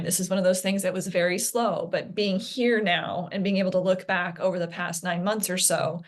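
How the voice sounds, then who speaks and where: A woman speaking as an interview guest, a parent recounting her son's health journey in an earnest, halting way with frequent restarts. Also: lowish voice. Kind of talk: candid interview conversation.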